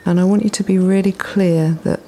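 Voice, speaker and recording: A woman leading a guided meditation in a soft, breathy, often near-whispered voice, soothing and gently instructing with unhurried pauses. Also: mid-range voice, steady tone, a little hiss or hum. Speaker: guided relaxation practitioner.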